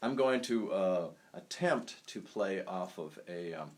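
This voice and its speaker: A saxophonist talking through improvisation ideas in a casual, rambling lesson, full of fillers and restarts. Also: male voice, sits low, lively intonation, slow. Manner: rambling and thoughtful, many fillers.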